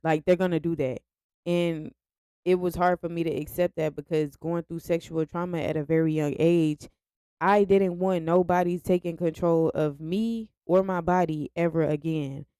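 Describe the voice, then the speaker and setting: In a candid personal vlog, a young woman speaks frankly and directly to her viewers. Her voice sits on the low side, mellow and clean, with a steady tone and normal speed. The recording is dry and studio quality.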